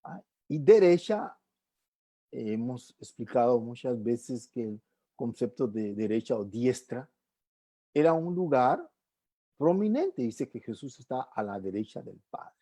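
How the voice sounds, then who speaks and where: A Bible class teacher leading a church class, asking the room rhetorical questions and checking in with quick tag questions. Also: mid-range voice, very animated, mellow. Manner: keeps tagging questions to the class; asks and answers rhetorical questions.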